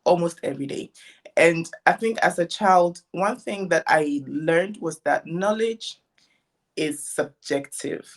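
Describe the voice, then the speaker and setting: A woman's voice: fairly low pitch, slow. Young woman, interview guest, reflective, restarts often. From Ghana. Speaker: guest content creator. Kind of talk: casual interview chat.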